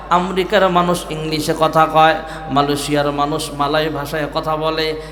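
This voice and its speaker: Man preaching a waz sermon, high voice, bright tone, sing-song chant, booming hall echo with music. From Bangladesh. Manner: sing-song chanting delivery, calls on the crowd to respond. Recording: echoey hall with music behind.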